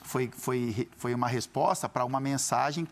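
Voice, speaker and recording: A man on a sports debate panel, talking haltingly with frequent restarts and emphatic agreement. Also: medium pitch, vocal fry.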